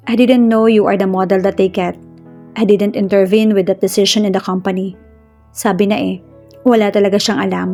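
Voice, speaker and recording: A woman reading a romance story in first person, in a steady storytelling manner. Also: mid-range voice. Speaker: story narrator. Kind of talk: scripted narration of a romance story.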